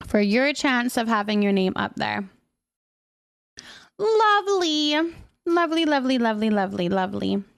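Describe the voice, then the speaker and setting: This livestream host has a fairly high voice with big pitch swings, vocal fry, and long pauses, all at a moderate pace. She chats casually while reading and answering comments, often repeating phrases to affirm them.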